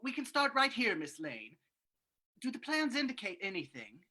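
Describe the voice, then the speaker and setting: Two-faced male villain for radio play , played by a woman: theatrical, bright, wildly swinging pitch. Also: very animated, moderate pace. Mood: meek, apologetic. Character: villainous Mister Darrow, meekly apologetic man turning maniacal. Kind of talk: old-time radio drama reading.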